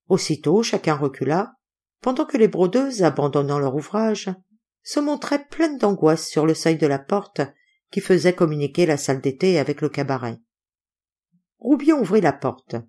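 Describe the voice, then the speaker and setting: A woman narrates a novel as an audiobook, in a fairly low voice that rises and falls freely. Her reading is animated, and she lifts into loud cries whenever the townsfolk shout. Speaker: audiobook reader.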